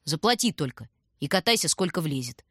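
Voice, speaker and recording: A woman voicing a stout, gruff female tram conductor who barks orders and grumbles. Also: low voice, sing-song, fairly quick, no echo, clean studio sound, full character voice. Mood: bossy. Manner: brusque, ordering people about.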